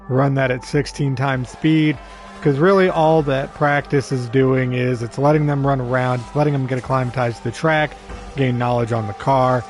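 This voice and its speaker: A young man chatting casually to viewers and a friend while streaming a racing management game, rambling and easygoing. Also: medium pitch. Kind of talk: casual live-stream chat.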